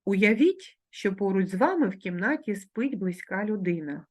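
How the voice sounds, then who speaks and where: A woman with a Ukrainian accent, a primary school teacher giving a recorded online lesson, dictating words slowly and clearly. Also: mid-range voice, expressive. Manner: slow, carefully articulated dictation of words.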